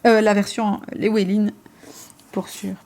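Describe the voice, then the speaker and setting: A woman's voice: mid-range voice, flat delivery, unhurried, a little mellow. A woman, casually showing her card collection, chatty and hesitant with fillers and self-corrections. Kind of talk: casual show-and-tell.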